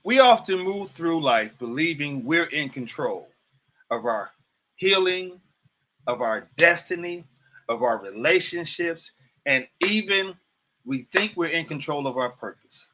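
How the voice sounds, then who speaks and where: A man's voice: a little high, animated, unhurried, sharp tone. A man in his fifties hosting a livestreamed motivational talk, preaching to viewers, repeating phrases and asking them questions directly. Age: 50s. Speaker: host.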